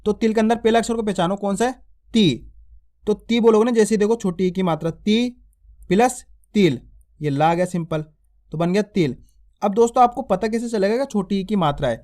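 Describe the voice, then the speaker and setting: A man's voice: high voice, normal speed, dark tone. A man teaching beginners to read and write Hindi, patiently sounding out each syllable, repeating words and asking the listener questions. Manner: draws out syllables and stresses sounds when spelling. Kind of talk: slow spelling lesson for beginners.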